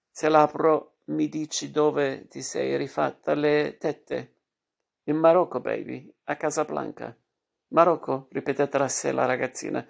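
A man reading literary fiction aloud in a measured, expressive narrating voice. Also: mid-range voice, creaky. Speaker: reader.

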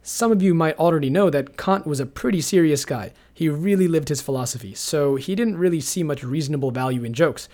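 A man reading a scripted narration in a measured, analytical way. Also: fairly high pitch, darkish tone. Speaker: video essay narrator.

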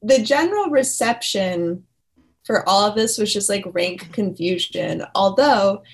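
A woman co-hosting a podcast in casual chat, animated and amused, explaining her take at length. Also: medium pitch, a little slow, slightly rough. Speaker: podcast co-host.

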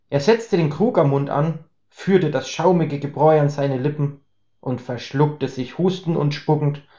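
A man narrating a comic story in a lively, humorous way. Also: fairly high pitch. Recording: roomy, slightly dull recording.

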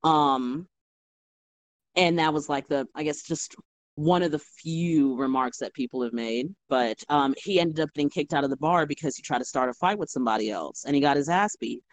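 A young woman, a bartender, telling stories in a casual, animated chat full of fillers. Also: low voice, normal speed, no room sound. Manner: animated storytelling with many fillers. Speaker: guest bartender.

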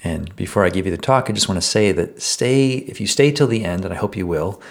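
A man's voice: deep voice, animated, a little fast. A middle-aged man hosting a meditation podcast, talking casually with many fillers, restarts and self-corrections. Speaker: podcast host and meditation teacher. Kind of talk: casual spoken podcast intro.

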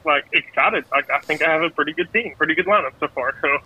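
A man's voice: a little high, fast talker, breathy edge, dull audio. A young man calling in on his phone while walking around a hospital, upbeat and a bit scattered, laughing often. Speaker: caller. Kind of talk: casual phone chat. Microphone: earbuds on a phone call.

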